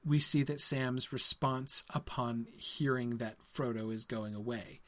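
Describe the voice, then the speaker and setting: A man's voice: medium pitch, fairly even intonation, a little slow, fairly bright tone. A man hosting a live book discussion, answering viewers. He talks in a hesitant way, with many ums, and ends his points with "right?". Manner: reads passages aloud between comments. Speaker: host of a book discussion stream.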